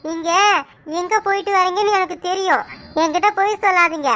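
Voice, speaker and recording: A woman doing a shrill, sharp-tongued young wife. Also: fairly quick. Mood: accusing. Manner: accusing, insistent. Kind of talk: cartoon voice acting.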